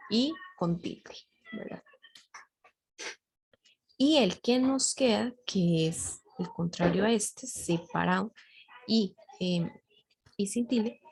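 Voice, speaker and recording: A woman's voice: mid-range voice, vocal fry, warm tone, husky, low-quality recording. A woman teacher giving a grammar lesson, patient and explanatory, often checking her students follow along.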